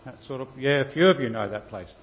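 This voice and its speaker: An Australian man delivers a sermon in an unhurried way, leaving pauses between short phrases. His mid-pitched voice rings with long cathedral echo, and the recording is slightly dull. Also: expressive. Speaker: Lutheran preacher. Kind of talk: sermon with storytelling. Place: large reverberant church.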